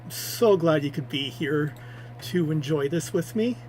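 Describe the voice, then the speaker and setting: A slightly high-voiced man talks into a livestream microphone, rambling and self-deprecating with nervous energy. A faint hum sits under his voice. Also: expressive, a little slow, darkish tone, rough recording. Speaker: VTuber streamer. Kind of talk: debut livestream self-introduction. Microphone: streaming microphone.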